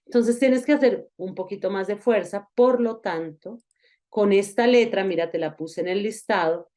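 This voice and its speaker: A woman giving a recorded online lesson, explaining patiently and repeating example words slowly. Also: mid-range voice, darkish tone. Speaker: English teacher.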